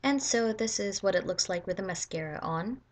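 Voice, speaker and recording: A woman narrating her makeup looks in a casual voice-over, relaxed and hesitant with frequent ums. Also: mid-range voice, normal speed. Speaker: makeup vlogger.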